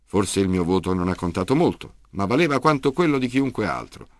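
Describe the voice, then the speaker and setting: Brief: gravelly stubborn old grandfather, read by a male narrator, deep and rough. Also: very animated, a little fast, dry recording, studio quality. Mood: insistent. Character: gruff grandfather, older man, stubborn and loud. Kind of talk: audiobook character reading.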